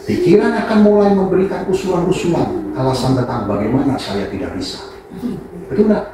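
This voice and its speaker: A male pastor preaching a sermon in an animated, joking way, sometimes acting out the voices of the people he quotes. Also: mid-range voice, a little fast, far from the mic. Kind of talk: sermon with anecdotes. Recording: echoey room, voice from afar, audible background noise.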